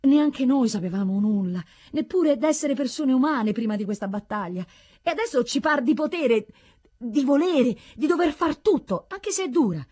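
A woman voicing desperate peasant villagers who shout for help and cheer their rescuer. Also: moderate pace. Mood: earnest. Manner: shrill, excited shouting.

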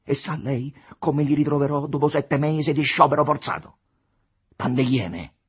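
A man voicing an agitated young male engineer who protests angrily and convulsively, with a husky voice. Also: fairly low pitch, animated, moderate pace, sharp tone, voice pushed up, heavily acted. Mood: indignant.

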